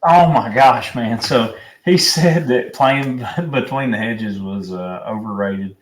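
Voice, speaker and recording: A man's voice: mid-range voice, slow. Rambling man in an echoey room. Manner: rambling, filler-heavy storytelling. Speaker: podcast host. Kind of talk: casual sports chat. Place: home room at night. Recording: roomy echo, distant mic, faint noise.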